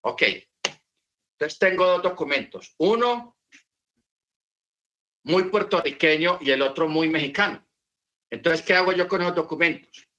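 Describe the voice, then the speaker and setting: A man's voice: on the high side, unhurried, pauses often, fairly bright tone, dull audio. A man teaching about the Bible in an unscripted talk, repeating his points and asking rhetorical questions.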